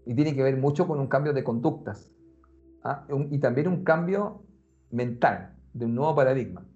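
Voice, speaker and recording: A man, talking in a casual, animated way and speaking straight to the listener. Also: mid-range voice, moderate pace. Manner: animated, conversational, addresses the listener directly. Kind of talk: casual explanatory talk. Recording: muffled lo-fi sound with faint music.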